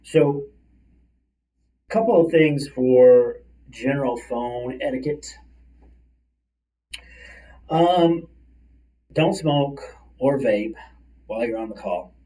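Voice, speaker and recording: Fast-talking man, mellow and distant. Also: mid-range voice. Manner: fast-talking, chatty, encouraging. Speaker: career coach host. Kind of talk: casual livestream coaching talk. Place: office. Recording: distant mic, slightly far-off sound.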